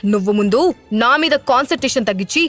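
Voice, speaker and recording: A woman's voice: on the high side, quick pace, a bit bright, faint music behind, close to an everyday voice. A woman voicing a cold, defiant young mother who speaks firmly in an audio drama. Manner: cold, firm.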